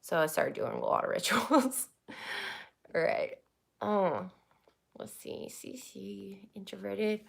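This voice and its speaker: A woman's voice: mid-range voice, very animated, takes it slowly, gravelly, pauses often. A young woman chatting casually on her channel, rambling, swearing freely and laughing often. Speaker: YouTuber. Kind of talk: casual livestream chat.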